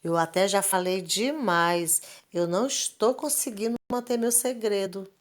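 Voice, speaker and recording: Woman, teacher, slow patient delivery, repeats herself, screen-recorded lesson. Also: mid-range voice. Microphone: screen recording, device mic.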